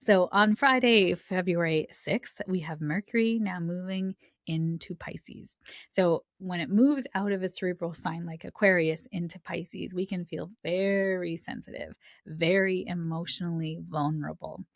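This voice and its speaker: A woman's voice: fairly low pitch, steady tone, a little slow, no echo, clean studio sound. A middle-aged woman giving a weekly astrology forecast in a chatty, reflective way, with personal asides. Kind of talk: casual spoken forecast.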